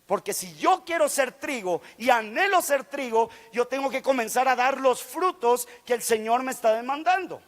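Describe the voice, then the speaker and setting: A man's voice: extremely high pitch, lively intonation, normal speed, few pauses, in a large hall. A man preaching a fervent sermon in church, acting out the voices he quotes. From Guatemala. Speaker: guest preacher. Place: church sanctuary.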